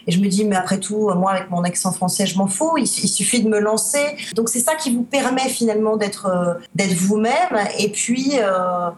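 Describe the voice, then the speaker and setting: A woman's voice: mid-range voice, moderate pace, few pauses, roomy sound, slight background noise. A middle-aged woman from Spain, a guest in a casual radio interview, thinking aloud with many hesitations and restarts. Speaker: guest, guidebook author living abroad.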